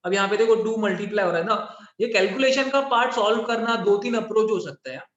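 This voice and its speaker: Man with a high voice, Indian English accent, math teacher, very echoey dull recording. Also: quick pace, fairly bright tone. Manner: mixes English into Hindi, checks in with students often. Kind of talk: online class lecture.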